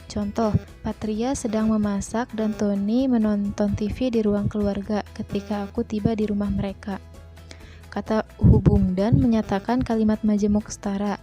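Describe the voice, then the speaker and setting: A woman teacher, reading a grammar lesson in a measured way and slowing down for example sentences. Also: mid-range voice, dark tone. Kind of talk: scripted grammar lesson narration.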